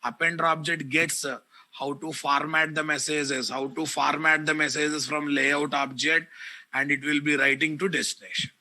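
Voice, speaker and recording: A man with a Telugu Indian English accent teaching a live online software class, repeating phrases and addressing his students directly. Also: fairly high pitch, little pitch movement, normal speed. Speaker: programming teacher.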